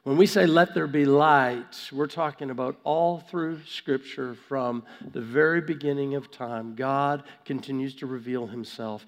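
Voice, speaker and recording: A man preaching conversationally with a gravelly voice affected by a cold, halting and repeating words as he stresses his points. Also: medium pitch. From Vancouver, Canada. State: has a cold. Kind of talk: conversational sermon. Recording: long hall reverb.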